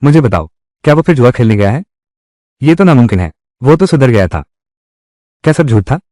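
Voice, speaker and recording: A man's voice: medium pitch, animated, a little fast, mellow, no echo, close to an everyday voice. Worried young wife, a man dubbing her, accusing tone, voice swings up and down, dry sound. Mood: distrustful. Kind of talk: Hindi dub of a drama.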